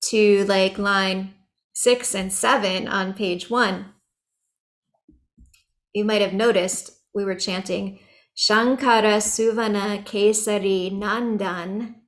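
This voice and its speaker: A woman leads a chanting workshop over a video call, talking in an easygoing, chatty way with soft laughs and plenty of ums. She takes her time and speaks slowly, at a middling pitch. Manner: relaxed and chatty, laughs lightly, many fillers. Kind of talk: online workshop teaching.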